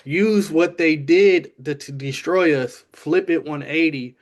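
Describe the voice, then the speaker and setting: A man's voice: on the high side, a little slow. A man in the audience sharing an earnest comment, hesitant with frequent ums and restarts. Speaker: audience member asking a question.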